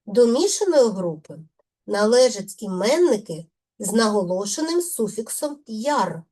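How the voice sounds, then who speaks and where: A woman's voice: mid-range voice, a little mellow. A middle-aged woman teaching a grammar lesson, speaking carefully and stressing each example word.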